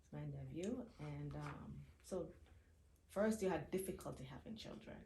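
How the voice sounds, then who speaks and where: A woman's voice: deep voice, moderate pace, dark tone. A woman hosting a casual interview, recapping her guest's story and checking details with "right?". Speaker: interview host. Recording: echoey room with faint ambient noise.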